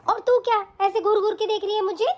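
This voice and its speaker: A woman's voice: very high voice, fairly even intonation, quick pace. A woman voicing a nagging, scornful middle-aged mother-in-law in a cartoon, scolding and taunting harshly. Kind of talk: cartoon voice acting.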